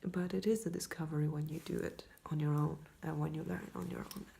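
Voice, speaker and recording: A low-voiced woman, talking in a quiet, often whispered night-time hush. Her voice is gravelly with fry and sounds tired. She rambles in a self-deprecating way, speaking casually up close to a phone. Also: steady tone, fairly quick, slight background noise. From Poland. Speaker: vlogger. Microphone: iPhone, leaning in close.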